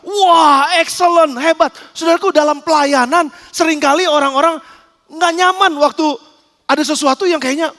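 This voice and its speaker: A male pastor preaching a sermon, telling a story in a lively way and often calling out to the congregation directly. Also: very high-pitched, fairly quick. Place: church hall. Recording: echoey church hall.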